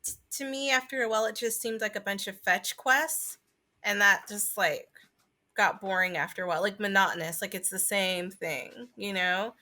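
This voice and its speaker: A podcast co-host talks casually and informally about video games, saying "like" a lot. Her voice is medium-pitched with a sharp tone, at normal speed.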